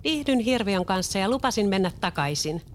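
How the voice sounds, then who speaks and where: A reader voicing a gentle, loving young woman in a storybook. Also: medium pitch, lively intonation, a little hiss or hum, voice pushed up, lightly acted. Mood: resolute. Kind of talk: storybook reading.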